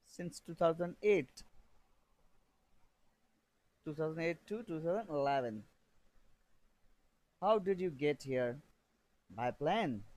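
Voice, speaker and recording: Slow, deliberate male English teacher. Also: fairly high pitch, darkish tone, rough recording. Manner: slow, deliberate, repeats phrases for learners to copy. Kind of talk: beginner English lesson, reading drill sentences.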